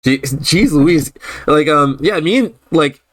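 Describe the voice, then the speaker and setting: A man's voice: a little high, slow, fairly bright tone. A man from Florida hosting a casual online chat, rambling with lots of fillers and breaking into giggles. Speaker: host.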